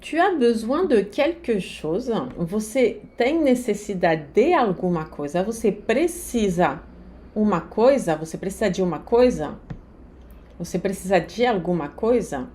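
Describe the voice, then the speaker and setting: A woman teaching a lesson, giving slow, carefully articulated pronunciation drills. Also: medium pitch, animated, a little mellow. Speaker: French teacher. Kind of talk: language lesson.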